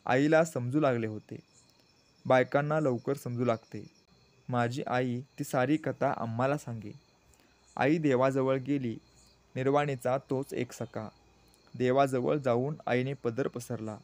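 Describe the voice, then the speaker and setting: A man narrating a storybook audiobook in a steady storytelling manner, sometimes lifting his voice for quoted pleas. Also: mid-range voice, measured pace, no room sound.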